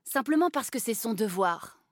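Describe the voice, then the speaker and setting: A woman's voice: on the high side, expressive, normal speed, no room sound, clean studio sound. A woman reading an audiobook and voicing a cold, commanding aristocratic countess who speaks in a stern, clipped way.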